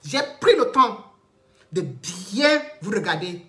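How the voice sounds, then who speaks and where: A woman, ranting defiantly on a live stream, repeating herself and swinging from loud declarations to low muttered threats. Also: sing-song, slow pace. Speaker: online commentator. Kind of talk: impassioned live-stream rant.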